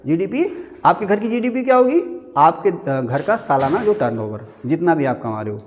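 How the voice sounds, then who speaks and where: A man's voice: on the high side, very animated, normal speed, a little hiss or hum. A man teaching an economics class in a classroom, joking and quizzing his students in a conversational way. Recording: hall reverb.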